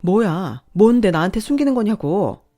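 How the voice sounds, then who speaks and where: A woman's voice: mid-range voice, lively intonation, normal speed, dark tone, soft background music, lightly acted. A woman voicing a young married daughter who questions her father and husband insistently in a read-aloud story. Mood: accusing. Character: the daughter narrator, a young married office worker, direct and suspicious. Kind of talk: scripted story reading.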